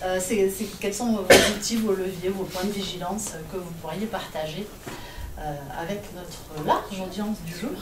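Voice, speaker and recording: A woman moderates a panel and asks lively, searching questions. Her voice is mid-pitched. She is heard from afar in a reverberant room, with clear background noise. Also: normal speed. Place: conference room. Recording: echoey room, distant mic, noise.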